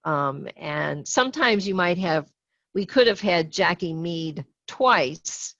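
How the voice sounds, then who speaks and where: A woman guides viewers through software steps in a patient, unhurried way, pausing often with small fillers. Her voice sits fairly low, and the sound is dry and a little dull, like webinar audio. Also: animated, no room sound. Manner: patient, step-by-step with frequent fillers. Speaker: software trainer. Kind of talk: screen-share webinar tutorial.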